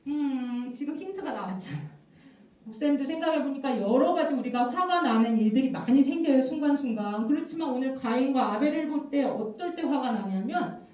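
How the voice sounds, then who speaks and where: Woman children's pastor, high and mellow voice, coaxing question-and-answer style; distant mic, dull echoey room. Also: a little fast. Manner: lively, coaxing, asks children questions and repeats key words. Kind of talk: children's sermon with questions to the kids. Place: church worship room.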